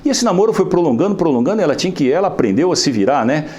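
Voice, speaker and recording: Brazilian guy lecturing at a spiritist center, chatty and animated, voice swings all over, kinda high pitched. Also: rapid-fire. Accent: Brazilian Portuguese. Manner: lively, conversational, frequent tag questions. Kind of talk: inspirational lecture with a humorous story.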